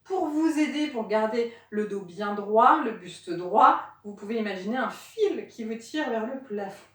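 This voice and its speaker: Heard from a distance in an echoey room, a woman coaches a guided home workout, counting out loud and prompting breaths in an encouraging way. Slightly winded as she demonstrates, she speaks at a measured pace with a somewhat high voice and lively intonation.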